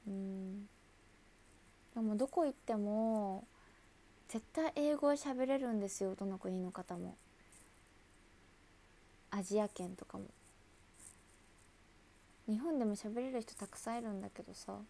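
A woman's voice: medium pitch, a little slow, vocal fry, long pauses, warm tone. A woman idol chatting casually with viewers on a livestream, talkative and laughing often.

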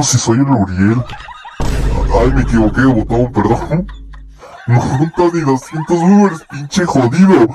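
A young man rambles through a live stream in an unhurried drawl. He talks to his chat casually, swearing often, with faint music playing behind him. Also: fairly high pitch. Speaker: livestreamer.

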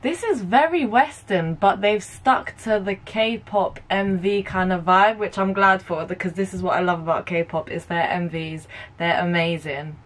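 A young woman hosting a casual music video reaction, talking in an excitable, gushing way. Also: on the low side, measured pace, few pauses. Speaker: reaction vlogger.

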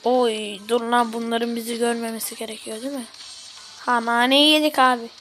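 A young woman commentating her own mobile game play, excitable and slangy, often yelling at the characters on screen. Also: fairly high pitch, normal speed, faint music behind, poor audio. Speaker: gaming channel host.

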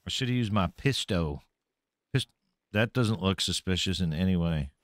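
A man's voice: low-pitched, expressive, normal speed, dry recording. A man streaming a game live, commenting casually, swearing freely and taunting the enemies he fights.

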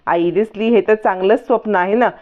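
A woman's voice: mid-range voice, brisk, close to an everyday voice. A woman voicing an insistent middle-aged uncle demanding answers. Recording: dull lo-fi recording.

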